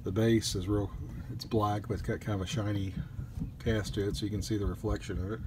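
Relaxed low-voiced man reviewing a collectible. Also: noisy background. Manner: easygoing, with frequent "uh" pauses. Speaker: toy collector reviewing a statue. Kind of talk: casual product review. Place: indoors at a table.

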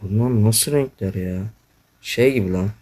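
A young man commenting on his own gameplay, groaning, swearing and complaining loudly as he plays. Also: lowish voice, measured pace. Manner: frustrated, swearing, groaning, yelping. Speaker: gaming YouTuber.

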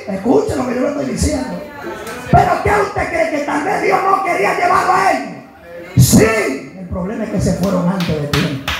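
A man preaching a sermon with a Dominican accent, impassioned, moving between hushed asides and shouted emphasis. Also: very high voice. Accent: Dominican Spanish. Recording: echoey hall with music behind. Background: music.

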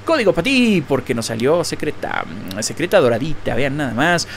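A man hosting a card-opening video, excitedly naming each card and repeating himself. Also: fairly high pitch, brisk, vocal fry, a little hiss or hum. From Mexico. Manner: excitable, exclaims and laughs at rare pulls, repeats phrases. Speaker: card-opening channel host. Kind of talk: excited unboxing commentary.

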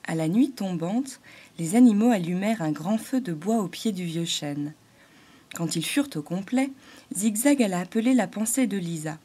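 A woman narrating a fantasy audiobook in a soft, measured storytelling manner. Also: mid-range voice, lively intonation, husky. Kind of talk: gentle fairy-tale narration.

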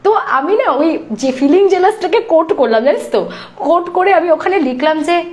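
A woman in her thirties with a Bengali accent, a YouTuber telling a story to her live audience in an animated, indignant way. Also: very high-pitched, moderate pace. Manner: animated, indignant, acts out the people she quotes. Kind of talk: casual storytelling chat.

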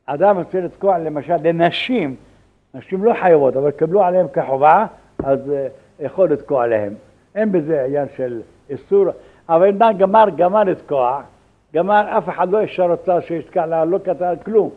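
An older rabbi gives a lesson on religious law, his voice on the high side for a man. He speaks haltingly, restarting and repeating words. The recording is narrow and tinny, like an old phone line. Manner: halting, repeats words, acts out quoted dialogue.

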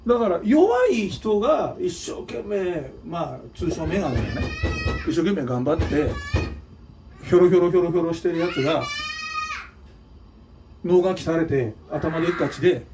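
A man from Nagano, Japan, delivers a blunt, scolding opinion monologue with a fairly high voice that swings widely in pitch. He sits back from the mic, with a faint hiss of noise behind him. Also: expressive, normal speed, pauses often, far from the mic. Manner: blunt and scolding, with mocking asides. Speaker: channel host and drummer.

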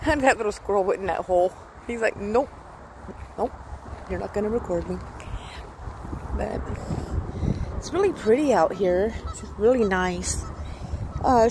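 A Californian vlogger with a medium-pitched voice films a casual walk through a park by a creek, holding her phone as she goes. She chats and rambles, cooing at animals along the way, with faint outdoor noise in the background.

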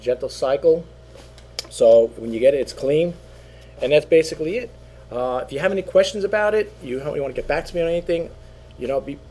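A middle-aged man casually walks through items he's selling online from a small home office, captured on his desk webcam. His medium-pitched, dark voice is wearing thin as he loses it, and he rambles with lots of fillers and repetition. A little hiss or hum sits under the recording.

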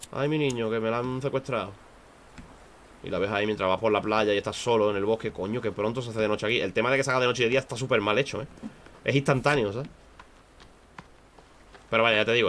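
Guy from streaming a game, chatty, cursing a lot, yells high when something jumps out, bit of noise behind. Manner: casual, swearing, bursts into loud high shouts when startled. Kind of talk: live gameplay commentary.

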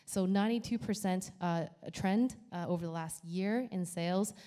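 A middle-aged Canadian woman, a company founder, delivers a prepared pitch into a handheld microphone at an event venue with a brick wall and an audience. Her tone is dark and mellow and her pace moderate, and she sounds enthusiastic despite a few small restarts.

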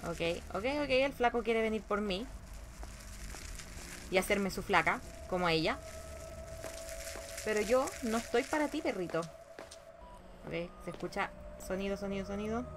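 A woman's voice: medium pitch, expressive, moderate pace, pauses often, noisy background. A young woman giving casual gameplay commentary, sassy and talking back to the game. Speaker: gameplay streamer.

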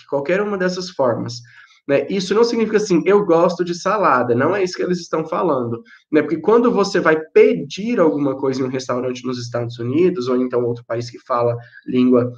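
A man's voice: fairly high pitch, muffled recording. A man from Brazil teaching English to children in an online class, patiently repeating and explaining.

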